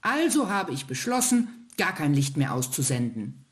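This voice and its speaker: A woman's voice: low voice, big pitch swings, normal speed. A woman voicing a small, sad and sulky young star in a bedtime story.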